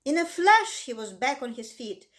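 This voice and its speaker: A woman reading a children's book aloud with expressive, dramatic emphasis. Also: high-pitched, normal speed. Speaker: reader. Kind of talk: storybook read-aloud.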